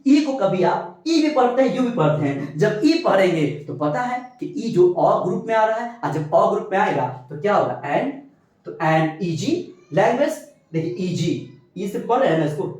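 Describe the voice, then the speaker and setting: A man teaching English grammar in an animated classroom-style lesson, drilling with repeated questions and answers and sometimes shouting for emphasis. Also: high-pitched, normal speed, recorded from a distance. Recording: very echoey, from off-mic.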